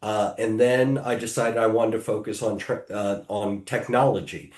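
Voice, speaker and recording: A middle-aged American man with a fairly low voice talks through his background, halting often with ums and uhs and restarting his sentences. His voice carries a noticeable echo from the room around him. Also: steady tone, darkish tone. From United States. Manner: hesitant, many ums and restarts. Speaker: podcast guest, technology attorney. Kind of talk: casual interview answers. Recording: echoey room.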